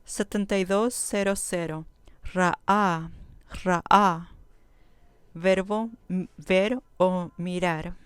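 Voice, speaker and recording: A woman teaching a vocabulary lesson, saying each word slowly and carefully and repeating it before giving its meaning. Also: lowish voice, steady tone, clean tone, no echo. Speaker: Biblical Hebrew teacher.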